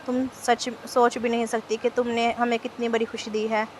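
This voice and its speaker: A woman reading the lines of a warm, teasing middle-aged mother in a storybook novel, in a flat, even reading voice. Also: on the high side, normal speed, slight background noise, lightly acted.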